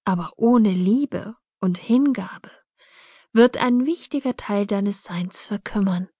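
A woman's voice: mid-range voice, slow, mellow, slightly rough, no room sound, studio quality. A woman voicing a frank, free-spirited mother who talks about intimacy in a breezy, matter-of-fact way, read in an audiobook.

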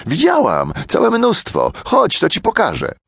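A man's voice: huge pitch swings, a little slow, creaky, husky, no echo, clean studio sound, exaggerated voice. A man voicing an eager, cheerful little girl in a children's audiobook. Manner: eager, high and bright.

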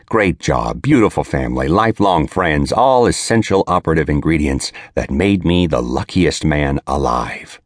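A man's voice: a bass voice, darkish tone, dry recording, studio quality. A man narrating an audiobook in the first person, with a bitter, world-weary confessional manner.

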